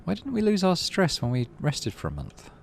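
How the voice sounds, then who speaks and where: Over game music, a man hosting a gaming video reads the story aloud and thinks out loud while deciding what to do in his playthrough. His voice is on the high side and creaky, with huge pitch swings at a moderate pace. A little hiss or hum is audible.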